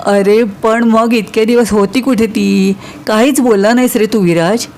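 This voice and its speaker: A woman's voice: a little high, steady tone, measured pace, darkish tone, a little hiss or hum. A woman voicing a young woman in love who turns shocked and disbelieving, questioning and exclaiming.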